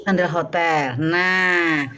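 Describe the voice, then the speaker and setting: A woman's voice: lowish voice, very slow, smooth. A woman teaching public speaking in an online workshop over a video call, acting out little sales dialogues as she goes. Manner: animated, acts out sales dialogues.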